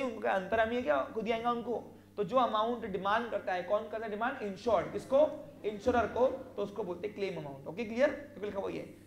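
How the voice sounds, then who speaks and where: A commerce teacher lecturing a class, asking questions and answering them, and slowly dictating definitions. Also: medium pitch, roomy sound, a little hiss or hum. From Maharashtra, India. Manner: quizzes students, answers own questions.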